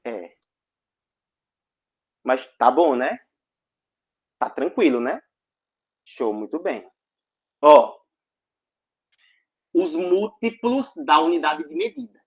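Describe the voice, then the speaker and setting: A man's voice: fairly high pitch, takes it slowly, long pauses, slightly rough. Slangy man teaching. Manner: energetic, slangy, jokey, checks in with students. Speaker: physics teacher. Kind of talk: informal online class.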